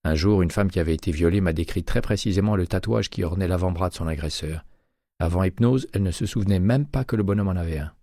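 A man voicing a self-assured former FBI hypnotist who speaks in a measured, firm way. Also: deep voice, warm tone, no room sound, studio quality. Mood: calm.

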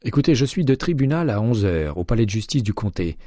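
A man voicing a brisk woman detective on the phone. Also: lowish voice, big pitch swings, warm tone, no echo, studio quality, voice pushed up. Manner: brisk, clipped phone talk. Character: female police detective, brisk and guarded.

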